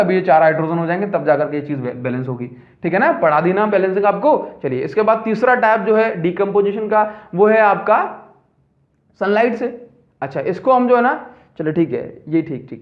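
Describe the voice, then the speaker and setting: A man with a high, bright-sitting voice teaches a school science class, chatting and coaxing his students with question after question. The sound is dull and lo-fi, with a roomy echo around him. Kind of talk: classroom lesson. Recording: echoey room, dull lo-fi sound.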